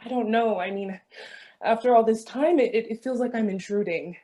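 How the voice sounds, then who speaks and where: An actress playing Janine, a gentle and unsure co-parent mother, in a play reading over a video call. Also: a little high, normal speed, natural voice. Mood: hesitant. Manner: warm-hearted, unsure of herself.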